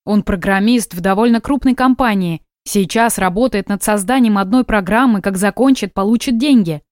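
A tired, defiant young wife, read by a woman in an audiobook. She speaks sharply and indignantly, at a middling pitch. The sound is dry and close. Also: moderate pace, no echo, lightly acted. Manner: weary, then sharp and indignant.

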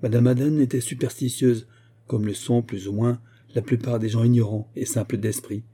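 A man reading a novel aloud as narrator, in a measured, even way. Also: medium pitch, husky. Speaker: audiobook narrator. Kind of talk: scripted literary narration.

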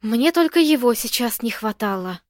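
A woman reading the lines of a composed young woman who speaks quietly and in a measured way. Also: a little high, lively intonation, dry recording, studio quality, close to an everyday voice. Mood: calm.

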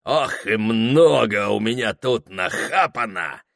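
A man putting on a loud, swaggering old-time gold-digger. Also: fairly low pitch, animated, slow pace, creaky, dry recording, studio quality, heavily acted. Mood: boastful. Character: boastful bearded male gold-digger, rowdy and greedy.

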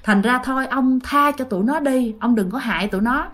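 A woman voicing a middle-aged male exorcist who pleads softly. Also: high-pitched, a little fast. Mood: pleading. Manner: soft pleading. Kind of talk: told ghost story.

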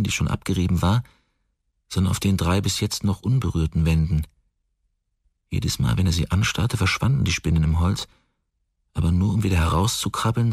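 A man narrating a radio drama in a slow, measured storytelling way, recorded on a studio microphone. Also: low-pitched, darkish tone, slightly rough, dry recording.

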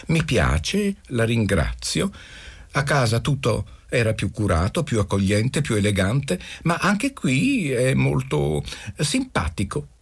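A man's voice: mid-range voice, husky, pitched above the performer's own voice. A man reading aloud, voicing a dramatic young male student who pleads and begs effusively. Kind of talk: literary radio reading.

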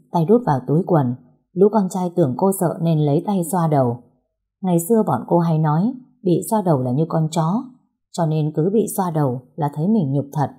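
A woman reading a story aloud as its narrator in a steady, even way. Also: low voice, husky.

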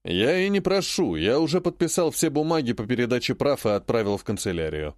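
A man's voice: medium pitch, sing-song, brisk, no echo, natural voice. A man reading an audiobook, voicing a stubborn, sarcastic emperor who talks in a dry, unyielding way.

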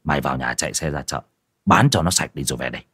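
A man voicing a cruel, domineering middle-aged village husband in an audio horror story, giving low, gruff, menacing orders. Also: animated, quick pace, a bit bright, dry recording, clean studio sound, heavily acted.

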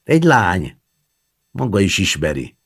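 A man's voice: low-pitched, big pitch swings, breathy edge, voice pushed up, full character voice. A man voicing a cocky, tipsy young writer who brushes off his grandmother, in an audiobook reading. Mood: brushing off. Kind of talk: audiobook character voice.

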